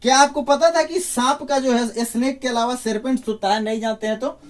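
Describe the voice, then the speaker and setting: Male teacher, fairly high voice, casual lesson delivery, asks the viewer questions as he goes. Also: steady tone, normal speed. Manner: chatty, joking asides, asks the listener questions. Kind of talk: informal spoken lesson.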